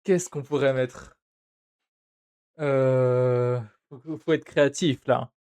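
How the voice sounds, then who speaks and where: A man's voice: mid-range voice, fairly even intonation, takes it slowly, darkish tone, clear, resonant tone. A man streaming a video game, talking casually and hesitantly as he plays. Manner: chatty, hesitant, many filler sounds. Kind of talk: casual gameplay commentary.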